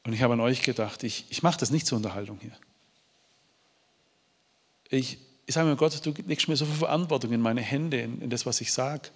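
A heartfelt male preacher gives emotional testimony and preaching in a reverberant hall, his medium-pitched voice fairly quick with a breathy edge. He pleads earnestly, often restarting and stammering over repeated words.

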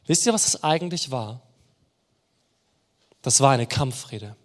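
A man's voice: medium pitch, animated, a little slow. A man preaching a sermon in a conversational way, putting rhetorical questions to the congregation.

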